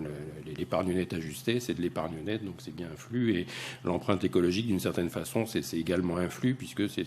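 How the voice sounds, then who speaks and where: A man on a lecture panel answering a question, explaining quickly with frequent restarts. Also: deep voice, a little mellow, a little hiss or hum. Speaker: economist panelist.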